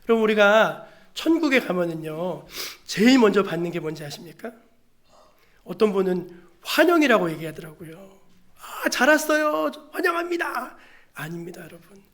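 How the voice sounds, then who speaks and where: A man's voice: sits high, lively intonation, normal speed. A male pastor preaching a sermon in a church, emphatic, with rhetorical questions to the congregation and calls to read scripture aloud together. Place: church sanctuary.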